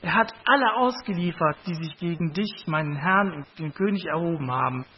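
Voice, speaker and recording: A man reading out the lines of an eager young male messenger who reports to the king in a hurried, breathless way. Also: on the high side, long reverb tail, slight background noise, natural voice. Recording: dull lo-fi recording.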